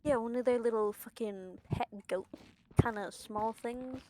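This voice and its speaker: A woman's voice: on the high side, measured pace, mellow. A young British woman with a lisp that slushes her s sounds, chatting casually while streaming a game in a rambling, sweary, exclamatory way. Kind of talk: casual chat while gaming.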